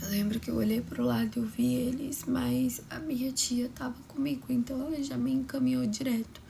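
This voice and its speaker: A young woman with a high, gravelly voice tells a personal story, dropping often into a soft whisper. Her delivery stays emotional and close. A light hiss of noise lies under it. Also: steady tone, a little fast.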